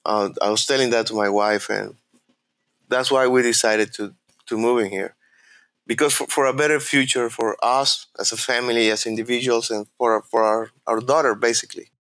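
A man with a Venezuelan Spanish accent and Spanish as his first language tells his own story in a reflective, halting way, often repeating words as he searches for them. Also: medium pitch, fairly even intonation, fairly bright tone, dry recording. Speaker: interviewee. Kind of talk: personal storytelling.

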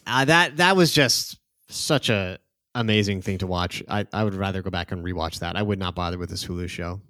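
A man's voice: sits low, a little fast, sharp tone, no echo, studio quality. A man hosting a podcast in casual chat, opinionated and heavy on fillers. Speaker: podcast host.

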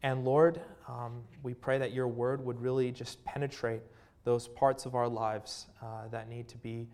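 Speaking at a medium pitch with a slightly mellow quality, a Canadian-accented man preaches, reads scripture, and prays. His manner is earnest, broken up by frequent pauses and fillers.

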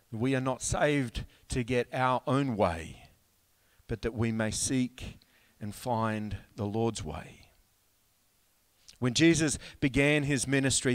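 Guy giving a sermon, takes his time, pauses a lot, gets louder to stress a point then goes soft, big echoey hall. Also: medium pitch. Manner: slow, deliberate delivery with long pauses; swells louder for emphasis then drops quiet. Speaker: preacher.

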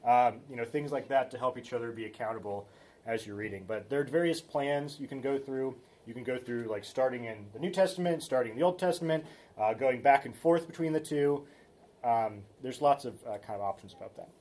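Male Bible study teacher, easygoing talk, mid-pitched voice, stops and restarts often. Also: fairly quick, darkish tone. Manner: conversational, loose, with many fillers and restarts.

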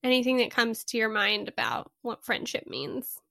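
A woman's voice: on the high side, lively intonation, moderate pace, gravelly, sharp tone, dry recording, clean studio sound. A woman hosting a podcast in a casual, chatty style. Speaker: podcast host. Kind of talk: casual chat.

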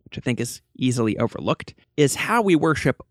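A man's voice: medium pitch, fairly quick, dry recording. Chatty man, dry close sound. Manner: laughs often, lively and chatty. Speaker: podcast co-host. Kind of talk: casual podcast chat.

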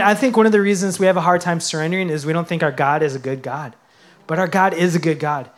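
Earnest man preaching a sermon. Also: sits high. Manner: earnest, emphatic, rhetorical questions to the congregation. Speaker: pastor.

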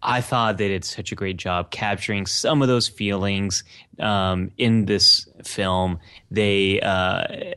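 Low-voiced enthusiastic male podcast co-host. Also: steady tone, slow pace, pushed and bright, smooth, no room sound. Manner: chatty, enthusiastic, with frequent fillers and restarts. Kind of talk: casual chat.

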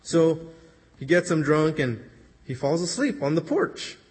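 A man's voice: on the high side, very animated, normal speed, slightly rough. A man preaching a sermon, retelling a story in an earnest, conversational way and quoting the people in it. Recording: long hall reverb.

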